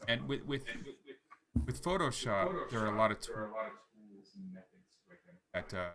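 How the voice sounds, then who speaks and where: A man's voice: medium pitch, sing-song, slow pace, a crowd in the background. A man in a casual online chat, hesitant and restarting his phrases, his voice echoing back on the call line. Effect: echoed phrases repeating on a call line.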